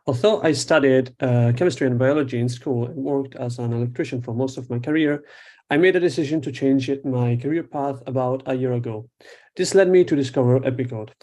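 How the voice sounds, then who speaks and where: Mellow-voiced man demoing his project. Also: medium pitch, fairly quick. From Italy. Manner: explains step by step with frequent hesitations. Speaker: student developer presenting a project. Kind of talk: live online project demo.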